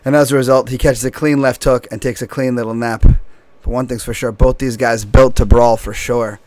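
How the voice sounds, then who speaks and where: A man's voice: medium pitch, steady tone, moderate pace, darkish tone, no room sound. A middle-aged man giving casual, joking fight commentary in colloquial language with a co-host.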